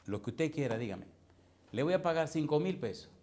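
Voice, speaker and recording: A man voicing a wealthy married woman who makes soft, insistent requests. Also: fairly high pitch, lively intonation, fairly quick, pitched above the performer's own voice, close to an everyday voice. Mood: coaxing.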